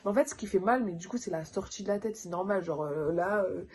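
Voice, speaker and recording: A young adult woman telling a personal story in a casual storytime vlog, animated and full of filler words. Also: medium pitch, fast talker. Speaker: vlogger.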